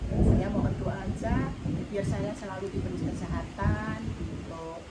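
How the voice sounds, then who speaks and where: A woman's voice: mid-range voice, fairly even intonation, measured pace. A woman in her sixties giving an earnest, devout personal testimony about her volunteer work, in a home visit. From Indonesia. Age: 60s. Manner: earnest, emotional and devout storytelling. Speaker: hospital patient-escort volunteer. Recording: roomy with loud background noise.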